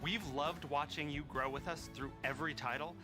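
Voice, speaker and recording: A man's voice: a little high, steady tone, brisk. A man narrating a scripted promotional video with an earnest, appreciative manner. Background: music.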